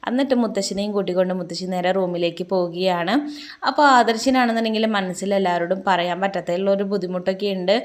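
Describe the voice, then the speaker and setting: A woman narrating a casual recap of a TV serial episode, retelling what the characters say to each other. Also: medium pitch. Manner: rapid storytelling that quotes characters' lines.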